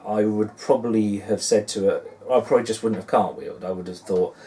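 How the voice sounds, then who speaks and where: Speaking at a brisk pace, this man's voice sits on the low side, with fairly even intonation and a mellow tone. He's a forties-aged dad blogger and vlogger from Suffolk, England, musing in a rambling, self-deprecating personal-vlog style. The mic is distant, with faint background noise.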